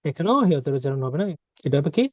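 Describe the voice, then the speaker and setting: A man teaches a language lesson, saying each word slowly and repeating it for practice. His voice sits a little high for a man. The recording is dry, with no room sound, and slightly dull. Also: animated, no echo. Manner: repeats words slowly, drilling pronunciation. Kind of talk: spoken lesson.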